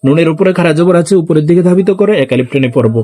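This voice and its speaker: A man teaching Quran recitation, explaining pronunciation rules and then reciting verses slowly and drawn out for viewers to repeat after him. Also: a little high, dark tone.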